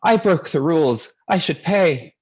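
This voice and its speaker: A woman's voice: sits low, lively intonation, measured pace, a little mellow, breathy edge, voice pushed up, heavily acted. A man voicing a fiery elderly grandmother with a thick Greek accent, pleading her case with emphatic conviction. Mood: impassioned.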